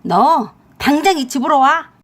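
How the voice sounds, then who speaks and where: A woman voicing a sharp-tongued older mother-in-law who scolds loudly in a radio-drama story reading. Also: huge pitch swings, measured pace, breathy edge, full character voice. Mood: furious. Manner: shrill, scolding.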